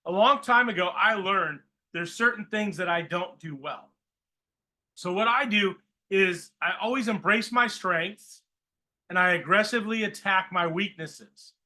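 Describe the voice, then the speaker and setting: A man's voice: sits high, measured pace, bright, forceful tone. A man on a video call giving an emphatic coaching talk to his team before introducing the next speaker.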